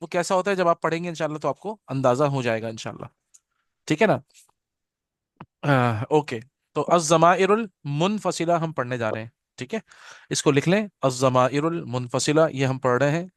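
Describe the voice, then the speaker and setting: Guy teaching a grammar lesson, slightly high voice, dry close sound, says every term twice, checks in a lot. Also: lively intonation, dry recording. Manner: patient, repeats terms slowly with frequent "theek hai na" check-ins; leads students in call-and-response repetition. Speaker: Arabic teacher.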